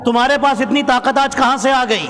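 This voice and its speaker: A man's voice: very high-pitched, fairly bright tone, slight background noise, pitched above the performer's own voice. A man voicing an ordinary family man in a sermon story, demanding answers in an indignant tone. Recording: long hall reverb.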